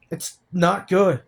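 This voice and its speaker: An eighteen-year-old man talking about his feelings in a personal vlog, halting and downcast, often restarting his sentences. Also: high-pitched, vocal fry. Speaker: vlogger.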